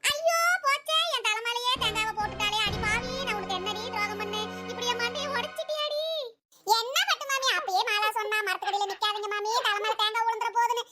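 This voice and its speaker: A woman's voice: very high voice, fairly even intonation, fast talker, few pauses, over loud music. A woman voicing a nosy, greedy older neighbor who gossips and wails. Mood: wailing. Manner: wailing and complaining. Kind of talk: cartoon voice acting.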